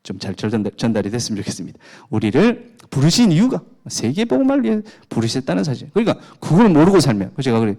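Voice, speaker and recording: A man's voice: mid-range voice, huge pitch swings, fast talker, creaky, hardly any pauses, warm tone. A man preaching a sermon as pastor. He fires off rhetorical questions with emphatic rises and drops in chatty asides about his home life.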